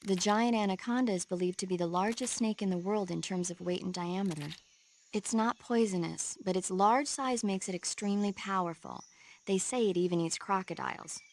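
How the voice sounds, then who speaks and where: An actress playing a friendly, chatty support medic who explains things eagerly in a video game. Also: female voice, medium pitch, fairly quick, slight background noise, lightly acted. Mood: informative. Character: friendly, eager female radio support medic, movie buff.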